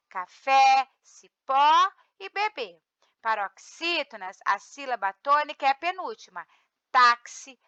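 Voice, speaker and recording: A Brazilian woman teacher explaining grammar rules. She stresses syllables slowly and checks in with her students often. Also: high voice, pushed and bright, smooth, dry recording, highs cut off. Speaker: Portuguese teacher. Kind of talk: grammar review lesson.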